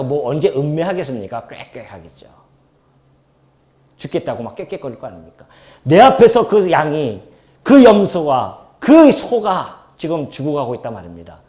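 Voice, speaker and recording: Male pastor, church sermon, lively swooping delivery, rhetorical questions to the pews. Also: on the high side. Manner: animated, swings between loud emphasis and soft asides; asks the congregation questions and acts out quoted speech. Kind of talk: expository sermon.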